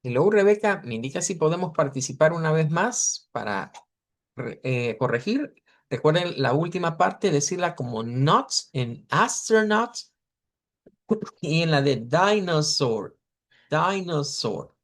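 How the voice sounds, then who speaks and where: A man teaching an English pronunciation class over a video call, patiently repeating model words slowly for his students. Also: on the high side, sing-song, fairly bright tone. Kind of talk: online class correcting students.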